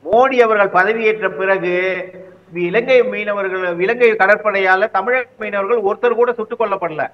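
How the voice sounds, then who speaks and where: A man's voice: sits high, normal speed, highs cut off. A man speaking as a guest commentator in a heated political interview, arguing his side with repeated rhetorical questions.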